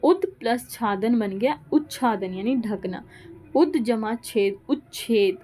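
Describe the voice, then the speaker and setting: A woman's voice: a little high, takes it slowly, dark tone, soft background music. A woman giving a Hindi grammar lesson, explaining rules step by step and repeating each example aloud. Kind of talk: classroom lecture.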